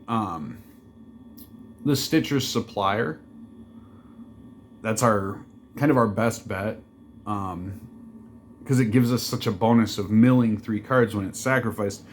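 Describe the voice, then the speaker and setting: A man's voice: medium pitch, animated, takes it slowly, pauses often, a little hiss or hum. A man casually walking through a card game deck, rambling and joking, with many fillers and digressions. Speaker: deck reviewer.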